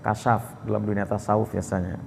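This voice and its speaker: A man's voice: lowish voice, flat delivery, fast talker, creaky, darkish tone, big-room sound, slight background noise. A man teaching Quran commentary in a mosque, explaining Arabic words phrase by phrase and addressing his listeners as "Pak".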